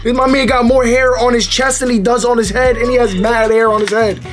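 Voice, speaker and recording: High-voiced man riffing slangy reactions. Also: fairly quick. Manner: slangy, animated banter. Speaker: reaction video host. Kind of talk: casual reaction commentary. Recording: music playing behind.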